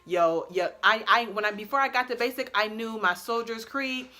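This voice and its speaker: Bright-voiced young woman giving casual advice. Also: a little high, normal speed. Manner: chatty and expressive, laughs often, loud and bold when excited. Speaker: vlogger and army soldier.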